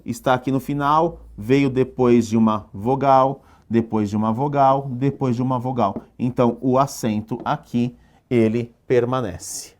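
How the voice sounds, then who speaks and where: A man's voice: mid-range voice, fairly even intonation, measured pace. A man with a Brazilian Portuguese accent teaching an exam-prep lesson at a board, explaining step by step and often checking in with the class.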